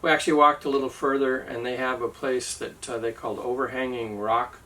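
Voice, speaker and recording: A man's voice: mid-range voice, steady tone, a little fast. A man telling a travel story in a casual, rambling way, joking now and then. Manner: jokey, rambling storyteller with many fillers. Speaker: travel vlogger. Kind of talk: casual chat. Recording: distant mic with faint ambient noise.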